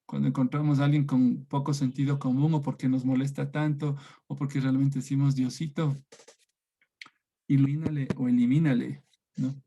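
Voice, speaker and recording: A man's voice: medium pitch, level tone, a little fast, few pauses, mellow. A man with an Ecuadorian Spanish accent teaching a religion class over a video call, speaking conversationally and often checking in with his students. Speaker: catechism teacher.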